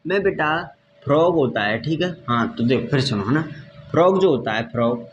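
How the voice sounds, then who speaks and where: In this muffled recording with a faint hiss or hum, a male teacher gives a whiteboard science lecture at normal speed. His mid-range voice has lively intonation, and he goes over points repeatedly, addressing students as "beta" and often asking if they follow.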